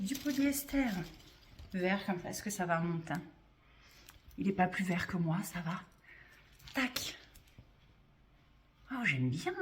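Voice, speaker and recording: A woman's voice: a little high, a little mellow. A woman vlogger chatting playfully to her viewers as she unboxes and reviews clothes. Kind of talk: casual unboxing chat.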